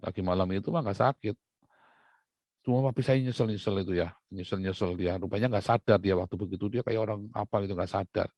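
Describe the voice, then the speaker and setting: Man preaching with animated storytelling. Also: on the low side, fast, no room sound, lo-fi sound. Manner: animated storytelling, rising loud when recounting fights. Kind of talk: sermon with personal stories.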